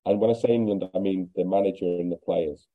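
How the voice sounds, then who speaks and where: A middle-aged man from Wales giving measured, wry football opinions on a podcast. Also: sits low, steady tone. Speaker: football pundit guest. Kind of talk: podcast discussion. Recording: slightly muffled audio.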